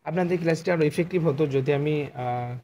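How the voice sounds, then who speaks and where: A male Quran teacher with a fairly high voice gives a patient lesson on letter sounds, drawing each one out and repeating it. He speaks into a phone, and a faint hiss sits under his voice. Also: quick pace, warm tone. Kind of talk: online lesson on letter articulation.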